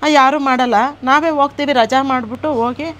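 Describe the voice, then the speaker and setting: Brief: middle-aged woman, high and quick, chatty, faint background hum. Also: fairly even intonation, a bit bright. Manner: chatty, chiming in over others. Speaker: restaurant co-owner. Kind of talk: casual interview chat. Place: small roadside restaurant.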